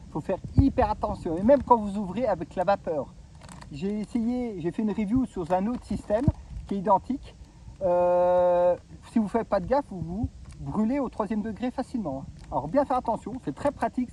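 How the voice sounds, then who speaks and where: A man's voice: high-pitched, dark tone, slight background noise, low-quality recording. A man doing a casual unboxing review of a ration pack, explaining each item step by step and giving safety warnings. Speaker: gear reviewer.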